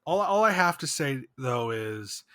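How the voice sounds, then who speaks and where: A man's voice: medium pitch, very animated, measured pace, sharp tone, clean tone, no room sound. Exasperated man venting, dry close mic. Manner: exasperated, rambling with restarts and sighs. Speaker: podcast co-host. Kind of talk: casual chat.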